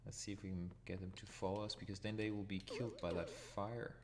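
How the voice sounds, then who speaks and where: Low-voiced and level in tone, a Danish-accented man from Denmark talks fast while playing on his retro gaming channel, giving live commentary. He thinks aloud and laughs softly when he dies. There's a little hiss or hum on the audio.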